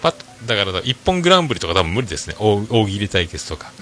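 A man's voice: lowish voice, sing-song, quick pace, fairly bright tone, slight background noise. A man hosting a casual podcast, chatting and reading out listener messages, with frequent filler tags and self-deprecating asides. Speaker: podcast host.

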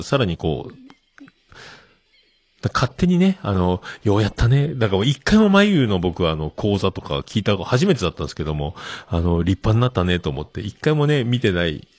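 A man's voice: low voice, dry recording. A middle-aged man hosting a show, rambling casually with many fillers and chuckling at himself. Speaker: show host. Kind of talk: casual solo talk.

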